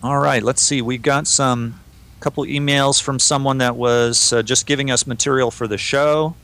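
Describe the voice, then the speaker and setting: A man co-hosting a podcast, chatting in a relaxed way and reading listener emails aloud. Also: medium pitch, normal speed. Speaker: podcast co-host. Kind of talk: casual podcast discussion.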